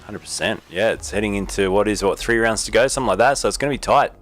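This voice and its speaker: A man's voice: lowish voice, fast talker, fairly bright tone, soft background music. An Australian man hosting a sim racing broadcast, wrapping up and plugging sponsors in an easygoing way. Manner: easygoing, reads sponsor plugs. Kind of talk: casual post-race wrap-up.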